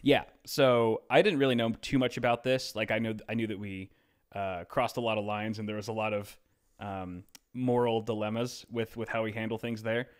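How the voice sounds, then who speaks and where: A man's voice: fairly low pitch, little pitch movement, normal speed, clean tone. Guy rambling through a story on a podcast, super casual. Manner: rambling, filler-heavy storytelling. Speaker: podcast co-host. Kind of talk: casual chat.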